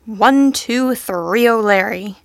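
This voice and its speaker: A woman's voice: fairly high pitch, takes it slowly, gravelly, dry recording, clean studio sound. A woman voicing a giddy male butterfly who rambles through quotes and songs in a playful, sing-song way. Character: giddy dandy male butterfly, quoting nonsense.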